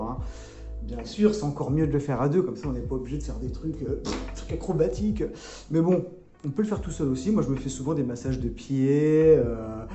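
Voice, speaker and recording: A man's voice: fairly high pitch, dark tone, echoey room. A man coaching in a casual, playful, joking way, rambling with many fillers. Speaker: wellness coach.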